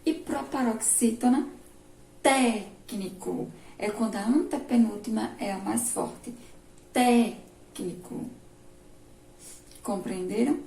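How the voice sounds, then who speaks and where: A woman primary school teacher with a Brazilian Portuguese accent, giving a remote lesson slowly, step by step, and asking the class questions. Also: a little high, vocal fry, mellow. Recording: echoey room, distant mic, faint noise.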